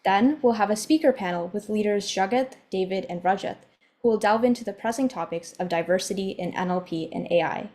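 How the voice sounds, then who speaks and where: A woman's voice: mid-range voice, fairly quick, darkish tone. Woman hosting a video-call symposium. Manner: friendly, organized, scripted welcome with fillers. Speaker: event host. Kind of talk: online symposium moderation. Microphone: computer mic on a video call.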